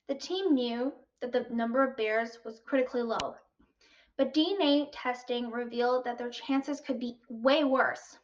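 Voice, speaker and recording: A woman's voice: on the high side, normal speed. A girl of about twelve giving a prepared school speech on wildlife in a careful, formal recitation. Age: child, about 12. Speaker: student speaker. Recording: distant, slightly muffled mic.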